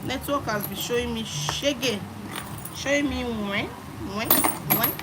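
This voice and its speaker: With a fairly high, slightly slow voice, this young Nigerian woman greets her live-stream viewers by name as she chats, often repeating herself. There is loud noise behind her.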